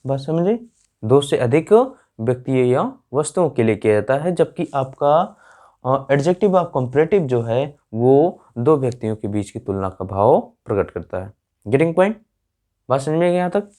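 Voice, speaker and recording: Indian-accented man, grammar teacher, medium pitch, repeats himself, rhetorical questions, slow stretched-out examples. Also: lively intonation, mellow. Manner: keeps checking with listeners, repeats key words with rhetorical questions; explains slowly, stretching English example words. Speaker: English teacher. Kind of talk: classroom grammar lesson.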